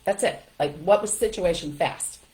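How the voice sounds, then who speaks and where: An older woman giving parenting advice in a direct, lively way, often checking in with "okay?" and "right?". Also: on the low side, moderate pace, low-quality recording. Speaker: parenting coach.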